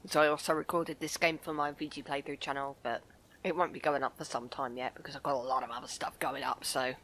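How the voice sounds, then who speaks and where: A woman's voice: rumbling low, steady tone, quick pace, a bit bright. A woman hosting a casual game playthrough, chatting in a rambling way with plenty of fillers and self-corrections. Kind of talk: casual gameplay commentary. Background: game music.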